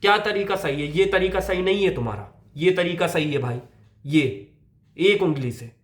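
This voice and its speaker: A young man from India lectures his viewers in a casual, blunt way, slipping English phrases into his talk. His voice sits a little high. The room around him gives off a clear echo. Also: a bit bright. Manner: blunt, preachy, talks straight at the viewer, mixing in English. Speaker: men's health creator. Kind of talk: casual advice vlog. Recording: roomy echo.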